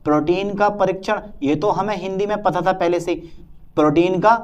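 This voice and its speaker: Male chemistry tutor with a high voice, casual and chatty, playing both teacher and student in a slightly dull, lo-fi recording. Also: normal speed. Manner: lively, plays both teacher and student in a back-and-forth. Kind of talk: casual Hindi classroom lecture.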